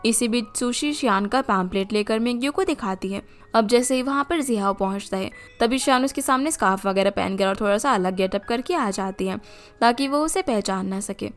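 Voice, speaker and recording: A woman retelling the plot of a drama series as a scripted narration, in an even storytelling manner. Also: a little high. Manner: steady retelling of plot in the third person.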